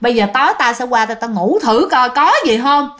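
A woman storyteller voicing a bossy middle-aged female clinic owner who scoffs loudly at her staff. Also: on the high side, a little fast, natural voice. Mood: scoffing, bossy. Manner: loud, brash, dismissive.

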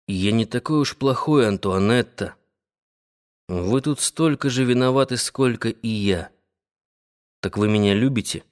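A man reading the lines of a confident wealthy financier, speaking softly and persuasively. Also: medium pitch, a little slow, long pauses, natural voice. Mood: coaxing. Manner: soft, gently persuasive. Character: confident wealthy male financier, tender and coaxing.

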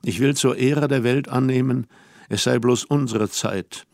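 A man reading the part of an earnest, melancholy young woman in an audiobook, in a measured, reflective way with slow emphatic pauses. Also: medium pitch, creaky, darkish tone, dry recording, studio quality. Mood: pensive.

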